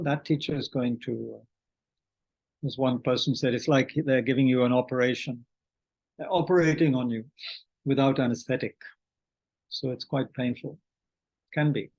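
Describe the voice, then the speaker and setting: Man, meditation teacher, dharma talk over video call, halting, clears throat often, mid-pitched. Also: a little mellow, poor audio. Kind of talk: dharma talk, reading questions from chat.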